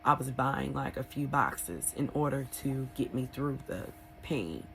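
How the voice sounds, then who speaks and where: A woman talking casually and candidly in an unscripted personal vlog, rambling a little with hesitant pauses. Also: a bass voice, expressive, vocal fry, faint music behind. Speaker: vlogger sharing a recovery experience.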